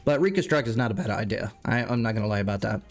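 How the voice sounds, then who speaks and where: A man's voice: lowish voice, lively intonation, very fast, soft background music. Stuffed-up man rambling on a game stream. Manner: rambling, self-correcting, chatty with viewers. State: stuffed up, clearing throat. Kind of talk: casual livestream commentary.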